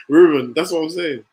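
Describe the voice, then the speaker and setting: A man with a fairly high, darkish voice and some vocal fry hosts a football watch-along stream. He teases his viewers, laughs often, and reacts to the play live in casual chat.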